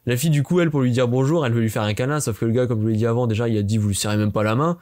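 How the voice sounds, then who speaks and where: A man's voice: mid-range voice, fairly even intonation, dark tone. A young man from France telling a fan-meeting story in a casual, chatty way, with lots of fillers. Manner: rapid chatty with many fillers. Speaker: vlogger.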